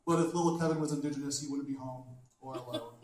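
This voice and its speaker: A young man does stand-up on a small stage in a big wood-panelled hall, gripping a handheld mic, telling dark jokes bluntly and bantering with the crowd in between. His medium-pitched voice holds a steady tone at a quick pace. Recorded from a distant camera, the hall is very echoey with heavy background noise.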